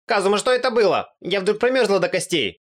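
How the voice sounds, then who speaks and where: A man voicing a whiny, flustered young goddess girl in an audiobook, in a shrill, panicky falsetto. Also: animated, fairly quick. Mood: panicked.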